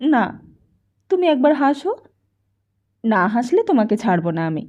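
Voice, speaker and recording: A woman's voice: high-pitched, big pitch swings, unhurried, heavily acted. A woman voicing an earnest pleading son. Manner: pleading, soft earnest appeals. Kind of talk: audiobook character voice. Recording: dull lo-fi recording.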